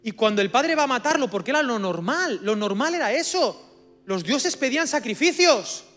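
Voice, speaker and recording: A man with an accent from Spain preaching a sermon as guest speaker at a church service, swinging from hushed asides to loud bursts. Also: extremely high pitch, big pitch swings, moderate pace, soft background music. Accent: Spanish from Spain.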